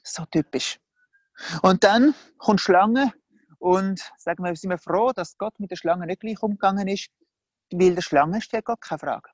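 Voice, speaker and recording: A preacher giving a sermon in a lively, conversational way, often acting out the people in the story. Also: mid-range voice, measured pace, dry recording. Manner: lively, conversational, acts out the characters.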